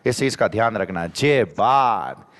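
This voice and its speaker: A man with a Rajasthani accent teaching an exam-prep grammar lesson, reading example sentences slowly and repeating catchphrases. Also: fairly low pitch, animated, a bit bright.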